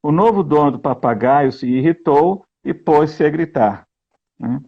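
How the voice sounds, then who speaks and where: Slow-talking man explaining grammar. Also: a little high, expressive, dull audio. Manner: slow, explanatory, keeps asking "né?". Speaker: guest reading and translating a text.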